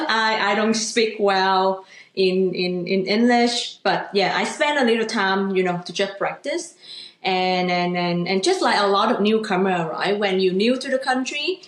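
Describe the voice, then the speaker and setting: A woman in her thirties from Vietnam, with a Vietnamese accent, speaking English as a second language as a guest in a casual interview, halting and full of fillers. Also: mid-range voice, roomy sound. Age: 30s. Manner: halting, many "you know" and "like" fillers, laughs easily. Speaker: guest, real estate agent.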